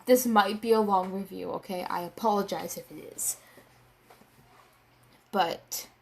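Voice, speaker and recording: Slow-talking, excitable young woman reviewer. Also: medium pitch, creaky. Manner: excitable, rambling, swears and repeats herself. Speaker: anime and manga reviewer. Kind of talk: casual video review.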